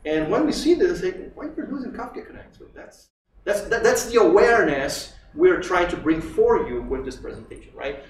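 A man's voice: high voice, expressive, normal speed, a little hiss or hum. A man giving a conference talk in a conversational way, often ending points with "right?". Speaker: conference speaker. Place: conference hall. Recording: echoey hall from far off.

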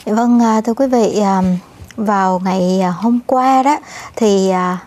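A female co-anchor telling the news in a relaxed, conversational way, often pausing on fillers and addressing the audience directly. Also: medium pitch. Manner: many "à" fillers, addresses "thưa quý vị".

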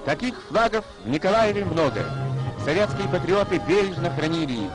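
1940s newsreel narrator, a man, fairly high voice, solemn and declamatory, music playing underneath. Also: animated, a little fast, poor audio. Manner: solemn declamatory announcer delivery. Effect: 1940s newsreel voice-over. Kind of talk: scripted wartime newsreel narration. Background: orchestral score.

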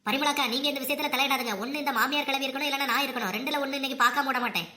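A woman with a Kanyakumari Tamil accent voicing a hot-tempered young daughter-in-law in a cartoon comedy, combative and shouting threats. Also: high-pitched, racing. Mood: furious.

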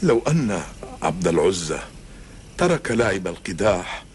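A man's voice: low voice, very animated, normal speed. Grave Bedouin father, swooping delivery. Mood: resigned, grave. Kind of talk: solemn classical Arabic historical TV drama acting. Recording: old TV soundtrack with background noise.

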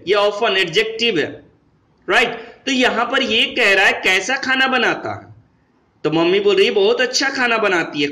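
A man's voice: sits high, pushed and bright, echoey room, low-quality recording. A man with an Indian accent teaching English grammar, mixing Hindi and English and asking his students questions, then answering them himself.

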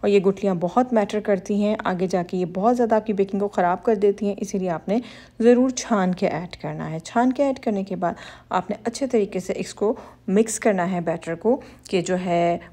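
A woman with a dark-toned, mid-range voice hosts a cooking channel, narrating a step-by-step baking lesson at a normal speed. Her voice-over is reassuring and instructive, aimed directly at women viewers.

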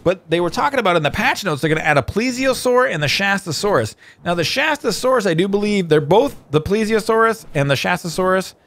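A chatty man talking over his gameplay in a loose, rambling way, often stopping to correct himself. His voice sits somewhat high for a man and swings widely in pitch. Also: animated, fast talker, hardly any pauses, fairly bright tone. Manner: rambling, chatty, frequent fillers and self-corrections. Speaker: gameplay video host. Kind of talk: casual gameplay commentary.

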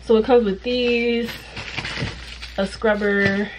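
A young woman talks casually to her followers, calling them y'all as she shows off her room. Her voice sits a touch high, recorded on a phone in a bedroom with a faint hiss behind her. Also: fairly even intonation, takes it slowly. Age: 20s. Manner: chatty, addresses viewers as y'all. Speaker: vlogger. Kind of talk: casual vlog chat. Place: college apartment bedroom.

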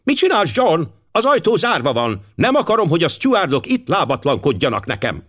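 A man reading an audiobook, voicing a sharp-tongued, irritable middle-aged wife who snaps at her husband. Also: huge pitch swings, exaggerated voice. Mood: snapping. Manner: sharp, snapping, shrill. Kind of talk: audiobook character voice.

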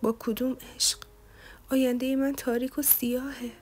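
A woman voicing a grief-stricken young woman, speaking in a breathy, trembling whisper. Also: high voice, flat delivery, a little mellow. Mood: despairing.

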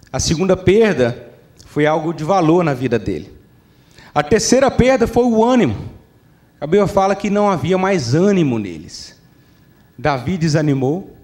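A man's voice: a little high, a little mellow. A man preaching a sermon at a church service. He speaks emphatically, repeats his phrases and keeps checking in with the congregation.

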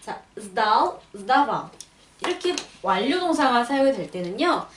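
A young woman teaching a language lesson, explaining patiently and reading example sentences slowly and clearly. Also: on the high side, very animated, slight background noise. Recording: roomy, a bit far from the mic.

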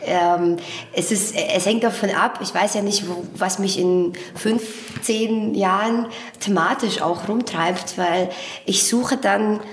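A woman's voice: mid-range voice, takes it slowly, roomy sound, noisy background. A woman author and theatre director answering interview questions in a thoughtful, hesitant way, with many fillers.

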